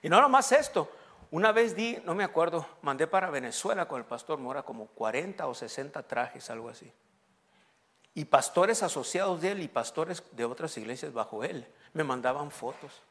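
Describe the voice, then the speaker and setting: A Mexican-accented pastor in his forties preaches in a joking, storytelling way. His voice sits a little high for a man. He teases his listeners as he goes. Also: lively intonation, moderate pace, fairly bright tone. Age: 40s. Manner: humorous storytelling, joking with the congregation. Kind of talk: sermon.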